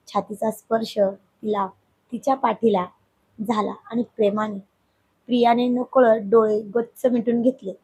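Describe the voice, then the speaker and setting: A hoarse woman with a husky voice narrating a romantic family story in a soft, unhurried way. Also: a little high.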